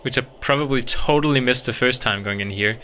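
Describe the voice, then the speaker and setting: A male gaming streamer talks his way through a game in a bright, mid-pitched voice. He thinks aloud, rambling casually to viewers. A little background noise and game ambience sits behind him. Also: fairly quick. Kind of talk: casual let's play commentary.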